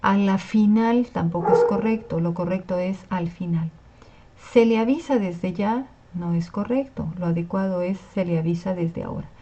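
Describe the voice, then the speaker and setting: Woman teacher, mellow patient delivery, muffled lo-fi recording with faint background noise. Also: medium pitch, normal speed. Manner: patient, explanatory, checks in with "¿sí?". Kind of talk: online class lecture on Spanish spelling. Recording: slightly dull lo-fi recording.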